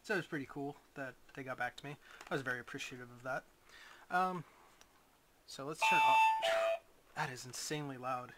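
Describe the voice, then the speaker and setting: A man giving a casual, unscripted product review as a reviewer, in a hesitant, rambling way with frequent pauses. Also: mid-range voice, background noise. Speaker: reviewer of gadgets.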